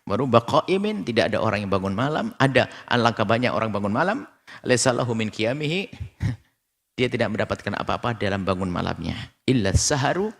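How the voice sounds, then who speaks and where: A man preaching a sermon, quoting Arabic sayings and translating them, acting out little scenes in a lively storytelling manner. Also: vocal fry. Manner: animated storytelling, acts out characters with sharp pitch jumps; quotes Arabic hadith then translates. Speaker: Islamic preacher. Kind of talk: sermon with acted-out anecdotes.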